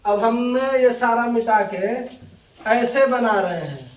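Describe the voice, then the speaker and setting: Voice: medium pitch, expressive, slow. A teacher giving a classroom lesson, patiently asking the same questions again and repeating the answers to check that students understand. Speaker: Urdu teacher. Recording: roomy, distant, dull lo-fi recording with loud noise.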